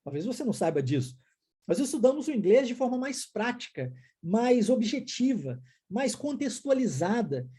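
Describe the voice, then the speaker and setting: A male English teacher from the United States gives an online lesson in a soft, mellow, slightly husky voice. His pitch rises and falls with animation as he explains. He checks in with his viewers as he goes. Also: very animated, normal speed.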